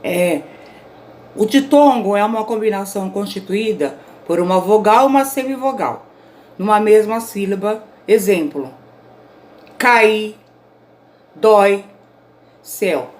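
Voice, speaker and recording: A woman's voice: medium pitch, animated, measured pace, pauses often, a little mellow. Woman teacher explaining a grammar lesson. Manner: explaining patiently, often checking in with students. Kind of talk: recorded online grammar lesson. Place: indoors, self-recorded at home.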